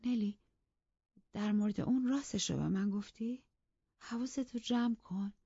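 A woman's voice: mid-range voice, warm tone, breathy edge, no echo, lo-fi sound, voice pushed up. Woman putting on a distraught starving young lady. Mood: frantic. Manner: pleading, agitated, frantic outbursts. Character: ailing young woman, distraught, self-pitying.

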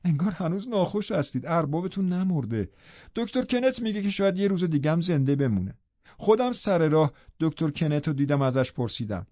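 Nosy gossipy servant woman, guy doing her voice, raised pitch, soft and quiet, kinda muffled audio. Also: lively intonation, dry recording. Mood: soothing. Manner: prying, breathless questioning. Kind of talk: audiobook character voice.

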